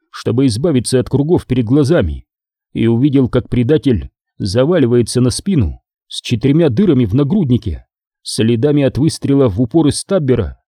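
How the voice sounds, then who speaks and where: A male narrator reads an action-heavy novel in a steady, measured way. His voice is dark and mellow, and it is recorded close and dry with no room sound. His pitch sits in the middle for a man. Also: dry recording. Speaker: audiobook narrator. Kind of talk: scripted narration of a sci-fi battle novel.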